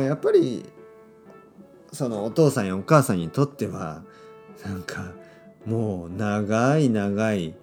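A man hosting a podcast for Japanese learners, speaking simply with lots of repetition and a playful, expressive delivery. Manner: clear, simple phrasing for learners with repeated words; expressive and playful, with sudden pitch jumps. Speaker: podcast host and Japanese teacher.

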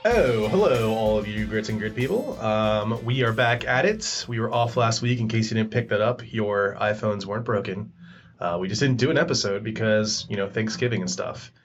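A man's voice: fairly low pitch, normal speed, soft background music. A man hosting a podcast in casual chat, joking, laughing often and stumbling over his words. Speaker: podcast host.

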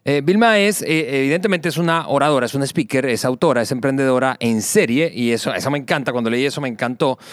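A man co-hosting a podcast, introducing a guest and topics in an animated, conversational way. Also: mid-range voice, fast talker, hardly any pauses, dry recording, clean studio sound. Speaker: podcast co-host.

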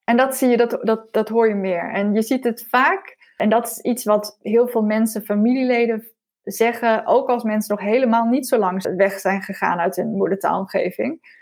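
A woman's voice: a little high, normal speed, darkish tone. A woman language researcher explaining her findings in an interview, thoughtful and a little hesitant.

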